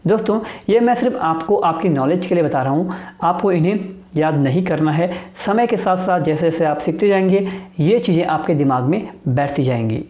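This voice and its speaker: A man's voice: fairly high pitch, animated, moderate pace, a little mellow, highs cut off. A man teaching English pronunciation in Hindi, patiently spelling out letters and saying example words one by one. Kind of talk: spoken English lesson in Hindi.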